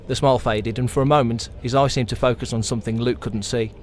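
A man narrates a novel excerpt in a measured, expressive reading voice at an ordinary pitch. He was recorded on a convention show floor, and faint noise from the busy hall sits behind him. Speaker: audiobook narrator.

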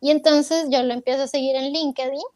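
A woman's voice: high voice, steady tone, brisk, a little mellow, no room sound. A woman telling her story as an interview guest, candid and full of fillers, quoting her own thoughts aloud. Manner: candid, retells with quoted self-talk and many fillers.

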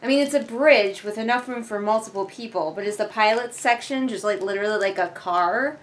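On a living room couch, a young woman reads along with a book she's reviewing and delivers fairly quick, casual commentary, rambling and sarcastic with the occasional swear. Her voice is mid-range. A camera a few feet away captures noisy audio.

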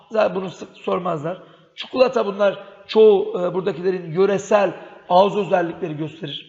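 A man's voice: high-pitched, creaky. A man teaching a spelling lesson for exam prep, contrasting wrong and right spellings and calling his students dear friends. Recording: dull lo-fi sound, long reverb.

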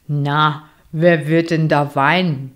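A woman voicing a mysterious, kindly stranger with a gentle, soothing manner in a storybook reading. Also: deep voice, steady tone, takes it slowly, pitched below the performer's own voice.

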